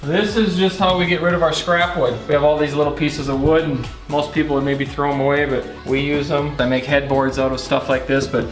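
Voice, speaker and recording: A man's voice: fairly high pitch, flat delivery, brisk, few pauses. A middle-aged man, a homeowner and furniture maker, explaining things casually in a plain, folksy way. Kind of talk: casual, unscripted house tour explanation. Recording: roomy echo, background music. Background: music.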